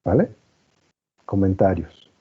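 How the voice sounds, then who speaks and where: Man, teacher, husky low voice, patient and explanatory, dull muffled recording. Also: animated, slow. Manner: patient, checks understanding with frequent "¿no?" and "¿vale?". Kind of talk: explaining a lecture to a class.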